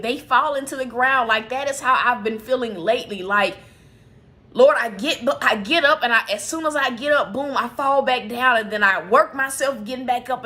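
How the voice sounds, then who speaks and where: Bright-voiced woman sharing heartfelt struggles. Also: fairly high pitch. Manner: heartfelt, confessional, frequent "you know" and "like". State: emotional, on the verge of tears. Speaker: ministry livestream host. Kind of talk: candid spiritual sharing on a livestream. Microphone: streaming setup.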